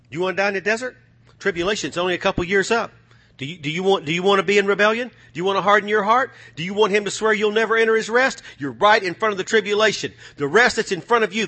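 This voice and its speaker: A man preaching a sermon, swinging from low, quiet passages to shouted, fiery calls to the congregation. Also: slightly rough.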